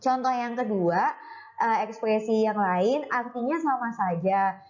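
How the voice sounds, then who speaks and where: A fairly high-voiced woman with an Indonesian accent gives a recorded English lesson for children. She stretches out each model phrase slowly and raises her pitch on a polite "please". The recording sounds a little dull and lo-fi. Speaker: English teacher.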